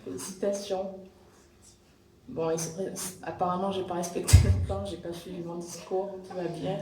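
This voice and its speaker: A woman's voice: on the low side, level tone, normal speed, warm tone. A woman giving a casual wedding toast, chatty and laughing at herself for straying from her speech. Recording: roomy hall, far from the mic, clear crowd behind.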